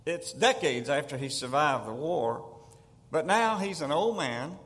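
Older Southern male pastor, unhurried and slightly high, folksy storyteller, church hall reverb. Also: expressive, fairly bright tone. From Tennessee. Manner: storytelling, chuckles at his own jokes. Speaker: guest pastor. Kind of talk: folksy sermon with humorous stories. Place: church sanctuary.

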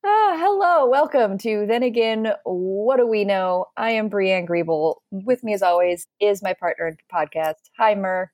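A woman's voice: medium pitch, normal speed, few pauses, darkish tone, dry recording. A woman co-hosting a podcast in loose, candid conversation, her thoughts wandering through fillers and restarts. Her voice sits in a middle register, recorded close and dry with no room sound. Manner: rambling and candid, with frequent fillers and self-corrections. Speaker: podcast co-host. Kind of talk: casual conversational podcast chat.

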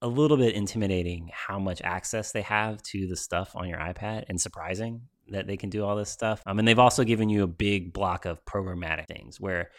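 A man's voice: deep voice, fairly quick, few pauses. A man co-hosting a podcast, chatting casually with lots of ums and likes. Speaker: podcast co-host. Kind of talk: casual tech chat.

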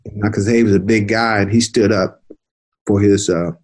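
An older man, a retired detective, telling stories from his career in an unhurried conversational way, often repeating words as he recalls. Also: lowish voice, steady tone. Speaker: interview guest, retired police detective. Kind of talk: conversational storytelling.

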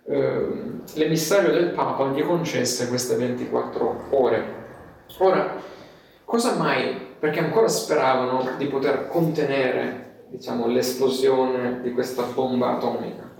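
A man's voice: medium pitch, a little mellow, a little hiss or hum. A man preaching a sermon as a pastor, telling a story with many hesitations. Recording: echoey room from far off.

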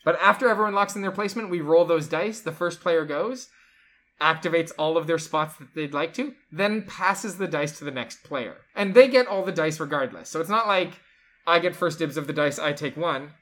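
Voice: mid-range voice, moderate pace, a bit bright. A board game show co-host chatting casually and enthusiastically while explaining how a game's rules work. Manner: enthusiastic, chatty, lots of fillers like "like".

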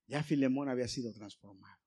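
A man's voice: medium pitch, fast, warm tone, breathy edge. A man from Mexico with a Mexican Spanish accent, preaching a sermon in a church, telling stories and asking his congregation questions. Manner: storytelling, asks the congregation questions.

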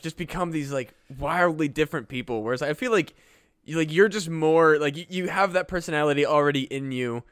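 A man's voice: a little high, fairly bright tone, no room sound, clean studio sound. A man co-hosting a podcast, chatting casually in a rambling way, with lots of "like" and swearing. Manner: rambling, heavy use of "like" and swearing. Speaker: podcast co-host. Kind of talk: casual chat.

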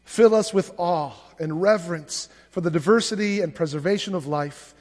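High-pitched male pastor at a pulpit mic, slow solemn prayers, long church echo. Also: a little mellow. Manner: measured, solemn liturgical reading. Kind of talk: leading liturgical prayers. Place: church sanctuary.

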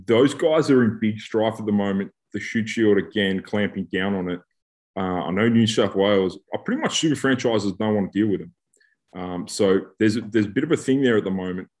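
A man with a slightly low voice co-hosts a casual podcast. He talks like one of the lads, joking and throwing in slang as he goes. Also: fairly quick, darkish tone. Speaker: podcast co-host, rugby player turned coach.

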